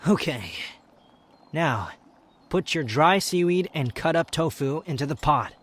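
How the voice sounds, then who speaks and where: A man's voice: fairly high pitch, expressive, unhurried. A man playing a proud, prickly young wanderer who hides his affection, curt and scornful, in a scripted ASMR roleplay spoken to the listener. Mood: bossy, instructive. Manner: haughty, curt, scornful, defensive.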